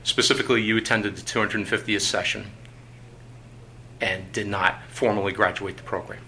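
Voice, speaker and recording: Male investigator on an old interrogation tape: low, monotone, bright-edged delivery, procedural and deliberate. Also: a little hiss or hum, low-quality recording. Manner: reads procedure in a measured, bureaucratic tone with frequent "uh"s. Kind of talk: formal official interview. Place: conference room. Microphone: tabletop recorder.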